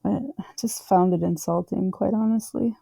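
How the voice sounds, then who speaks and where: A woman's voice: medium pitch, fairly even intonation, moderate pace, creaky, mellow. A woman co-hosting a podcast in casual chat, rambling and acting out reactions with the odd swear. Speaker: podcast co-host. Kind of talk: casual film discussion.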